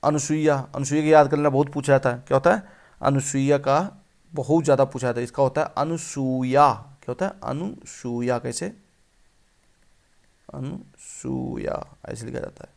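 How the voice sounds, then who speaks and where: A man's voice: medium pitch, steady tone, normal speed, creaky. A male teacher running an exam-prep spelling lesson, repeating each word and quizzing the viewer.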